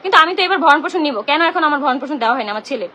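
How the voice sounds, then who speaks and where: Very high, fast, tense young woman. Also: animated, pushed and bright, muffled recording, a little hiss or hum. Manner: indignant, confrontational, repeats herself. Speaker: live-streamer. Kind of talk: emotional live-stream rant. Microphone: phone.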